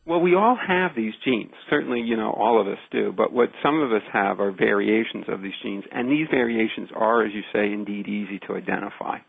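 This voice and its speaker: A man explaining research as an interview guest, deliberate and emphatic, building points in repeated phrases. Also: on the low side, gravelly, breathy edge, dry recording. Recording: narrow phone-like radio line.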